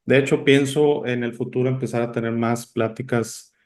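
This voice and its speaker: An Italian-born man hosts a relaxed interview, chatting and wandering off-topic with plenty of fillers and false starts. His voice is medium-pitched, slightly mellow and fairly even, at a moderate pace.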